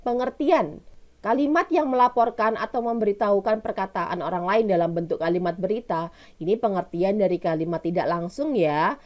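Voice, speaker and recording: A woman's voice: mid-range voice, normal speed, darkish tone. A woman teacher with an Indonesian accent giving a recorded lesson, explaining step by step and asking her pupils questions she answers herself.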